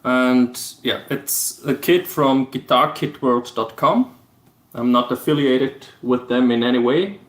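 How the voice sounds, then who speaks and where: A man from Vorarlberg, Austria, native in German, hosts a casual livestream in English with an Austrian German accent. He walks through things step by step, halting and low-key, and the audio carries a roomy echo.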